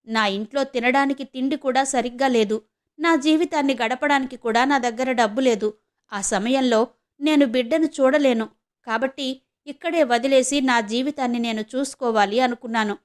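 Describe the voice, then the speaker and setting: A remorseful birth mother who speaks in a confessing, regretful way, as a woman reader puts her on. She has a fairly high woman's voice in a storybook telling. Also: moderate pace, natural voice.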